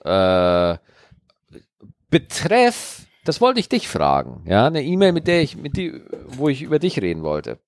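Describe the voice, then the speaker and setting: A man co-hosting a podcast, excitable and slangy, often stammering with repeated starts. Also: mid-range voice, unhurried, no room sound. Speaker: podcast co-host. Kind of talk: casual podcast chat.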